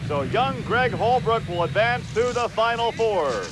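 High-voiced male play-by-play announcer. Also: unhurried. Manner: steady, informative announcing. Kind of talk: sports commentary.

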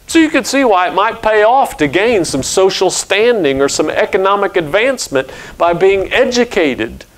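Older man preaching a measured sermon. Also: high-pitched. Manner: explanatory teaching, steady and measured. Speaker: pastor. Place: church sanctuary at a pulpit.

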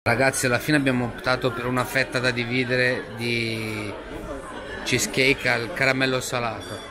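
A man's voice: mid-range voice, flat delivery, moderate pace. A young man chatting casually to camera as a food vlogger, addressing his viewers with jokes while he eats in a busy restaurant, filmed on a small handheld camera mic at arm's length. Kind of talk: casual vlog talk to camera. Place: busy restaurant in a shopping mall. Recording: noisy crowd and music behind. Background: loud crowd chatter and music.

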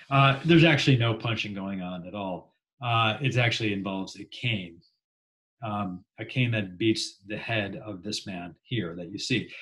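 A man's voice: fairly low pitch, fairly bright tone, low-quality recording. A man teaching a history class in a casual, jokey way, acting out quotes in mock voices. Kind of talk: classroom lecture.

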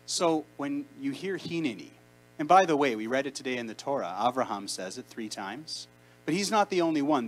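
In a large sanctuary, a rabbi from Canada, roughly thirty, delivers a conversational sermon into a handheld mic, emphatic and pausing deliberately, as a distant camera records. His voice is medium-pitched; the recording is rough with slight background noise.

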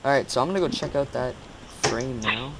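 A man's voice: medium pitch, a little fast, crowd noise. A man chatting casually while playing a game with friends, easygoing and narrating what he is doing as he goes. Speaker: player in a game series. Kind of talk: casual gaming chat. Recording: hissy, noisy recording.

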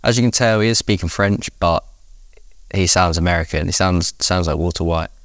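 A man hosting a casual software tutorial, explaining each step in a relaxed way. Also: low-pitched, a little fast, dry recording, clean studio sound. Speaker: tutorial host.

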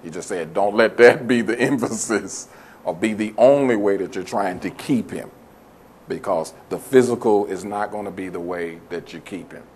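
A man's voice: lowish voice, normal speed, a little mellow, a little hiss or hum. A man preaching a sermon as pastor, stressing key words and stretching out phrases for emphasis.

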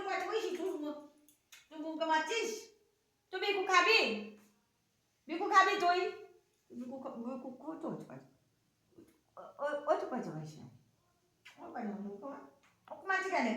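High woman in baby talk, echoey room. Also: expressive, normal speed, pauses often, bright, forceful tone. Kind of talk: baby talk to a pet dog.

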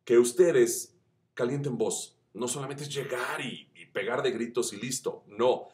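A man teaching voice acting, chatty and encouraging, who demonstrates shouts that climb up the pitch scale. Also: unhurried. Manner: addresses viewers as friends, chatty and encouraging. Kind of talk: tutorial.

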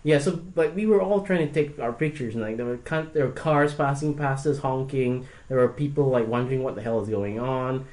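A man's voice: medium pitch, a little fast, few pauses, darkish tone. A man, a podcast guest who makes costumes, telling stories casually with many "like"s. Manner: storytelling, many "like"s, laughs at himself. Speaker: guest, costume and prop maker. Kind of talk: casual chat.

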